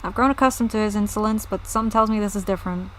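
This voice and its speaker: A woman voicing a gruff, blustery older male farm leader in a game. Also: medium pitch, slow pace, dark tone, a little hiss or hum, close to an everyday voice, rough recording. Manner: blustery, old-fashioned insults.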